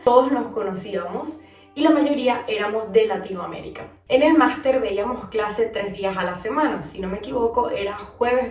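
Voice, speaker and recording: Chatty Venezuelan woman telling her story. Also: medium pitch. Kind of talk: storytime vlog. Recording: echoey room, mic at a distance, soft music.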